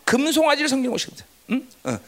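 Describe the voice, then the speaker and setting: A pastor preaching in church, the voice gravelly and fry-laden, with pitch swinging wildly from low murmurs to shouted highs. The pastor keeps prodding listeners for replies and drops into quiet asides between bursts. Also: very animated, rapid-fire. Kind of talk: sermon.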